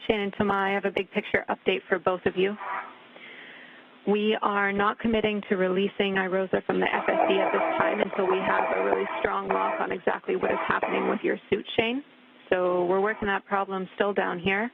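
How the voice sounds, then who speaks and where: A woman at mission control giving measured, clipped technical updates over a space-to-ground radio transmission. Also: medium pitch, level tone, gravelly. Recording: tinny radio loop with faint static.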